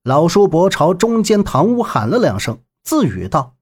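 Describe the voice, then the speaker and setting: A man narrating a serialized novel in an expressive, dramatic manner with a husky voice. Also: high-pitched, normal speed. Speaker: audiobook narrator.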